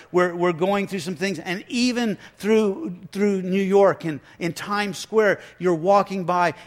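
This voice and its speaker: A man preaching a sermon in a slow, emphatic way, dropping his voice low for effect, with chatty asides and restarts. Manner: slow, emphatic delivery with dramatic drops in volume; conversational asides and repeated restarts. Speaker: pastor.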